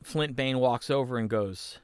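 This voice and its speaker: A man narrating as game master in a relaxed, conversational way. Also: medium pitch, a little slow, clear, resonant tone, no echo.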